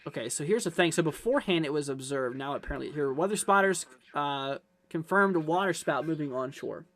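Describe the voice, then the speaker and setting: A man with a somewhat higher-pitched voice hosts live severe weather commentary. He talks off the cuff to his viewers, explaining in a rambling way and often repeating his phrases as he works through updates. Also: fairly quick, a bit bright. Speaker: weather livestream host.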